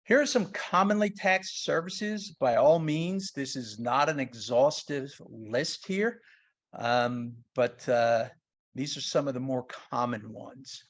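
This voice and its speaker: Speaking slowly at a medium pitch, a man with a New York accent presents a casual webinar on sales tax. He's a consultant who keeps things conversational and down-to-earth, explaining with everyday examples.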